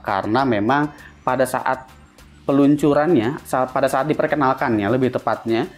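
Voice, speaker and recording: A man hosting a tech channel, chatting casually about hardware news in slangy, think-aloud talk. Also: mid-range voice.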